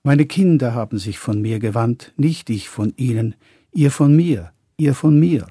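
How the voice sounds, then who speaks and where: A weary, tearful old God. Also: male voice, medium pitch, lively intonation, measured pace, mellow, husky, dry recording, clean studio sound. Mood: plaintive. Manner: plaintive, weary, pleading. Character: old, tearful, feeble God, pitied and ignored. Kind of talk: radio play acting.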